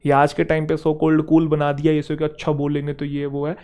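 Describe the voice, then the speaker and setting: A young man from Haryana with a Haryanvi touch in his speech, teaching an exam-prep vocabulary lesson in Hindi and reading English example sentences slowly and deliberately. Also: a little high, monotone, a little mellow. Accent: Haryanvi-tinged Hindi and English. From Haryana, India.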